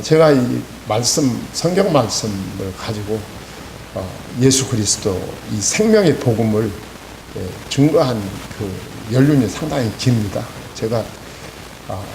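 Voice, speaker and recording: A man's voice: lowish voice, gravelly. Man, 60s, Chungcheong accent, pastor, sermon, echoey hall, faint hiss. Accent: Chungcheong Korean. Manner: folksy storytelling, frequent affirming "yes" interjections. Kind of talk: evening sermon.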